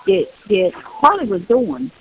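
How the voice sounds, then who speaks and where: Her mid-range voice swings widely in pitch as she speaks, unhurried, on a recorded prison phone call. She's an older Southern US woman venting personally and insistently repeating phrases for emphasis; the line sounds tinny and hisses.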